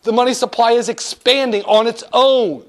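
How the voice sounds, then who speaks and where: This classroom economics lecture comes from a man with an extremely high-pitched voice speaking at a moderate pace. He keeps it playful, staging small banker-and-customer exchanges to illustrate his ideas.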